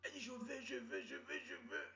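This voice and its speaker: A man's voice: very high-pitched, a little fast, sharp tone, voice pushed up, exaggerated voice. A man voicing an insistent young girlfriend who pleads over and over. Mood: pleading whine. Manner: pleading, repetitive whining. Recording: roomy, dull lo-fi sound.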